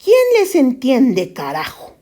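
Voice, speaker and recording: A woman's voice: high-pitched, wildly swooping pitch, slow, warm tone, full character voice. A woman reading a play scene aloud, voicing an exasperated Spanish exile who mocks and complains about Mexican speech. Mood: indignant mockery. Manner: mocking, indignant, exclamatory.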